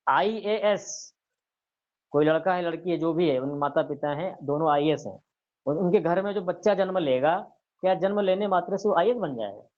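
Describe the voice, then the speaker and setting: A man's voice: a little high, narrow, tinny audio. Man explaining scripture with rhetorical questions. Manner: recites verses slowly. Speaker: teacher of scripture. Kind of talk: explanatory religious lecture.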